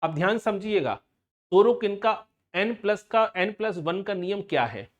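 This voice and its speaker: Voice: mid-range voice, animated, unhurried. A sociology teacher giving an online exam-coaching lecture, explaining with everyday examples, asking frequent rhetorical questions and addressing students directly with warnings.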